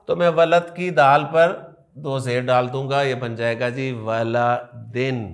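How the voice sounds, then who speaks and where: A man with a Pakistani Urdu accent teaching an Arabic grammar class. He explains in a lively way, repeats word endings aloud and jokes with his students. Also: high voice. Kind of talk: classroom lecture.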